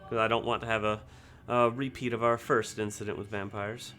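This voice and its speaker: A man's voice: lowish voice, flat delivery, fairly quick, pushed and bright, soft background music. A man playing a tabletop game, earnestly laying out his plan and laughing often. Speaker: player.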